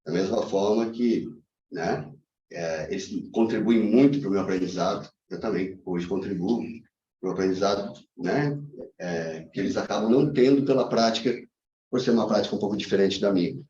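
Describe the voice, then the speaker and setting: A man's voice: on the low side, normal speed, warm tone, a little hiss or hum. A middle-aged man, a hypnotherapist and teacher, lecturing a class with authority and emphasis. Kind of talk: classroom talk. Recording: distant, roomy, dull lo-fi sound.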